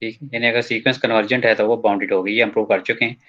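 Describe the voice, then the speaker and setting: A man teaching a math proof in a recorded lecture. He reads textbook lines slowly, then explains them in casual Hindi, mixing in English terms and often checking in with "ठीक है". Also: on the low side, fairly even intonation, a bit bright, lo-fi sound.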